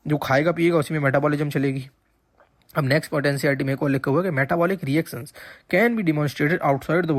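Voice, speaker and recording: A man's voice: a little high, vocal fry, dry recording, clean studio sound. Patient man teaching a lecture. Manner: explains patiently, repeats key points, checks understanding. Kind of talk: exam-prep lecture.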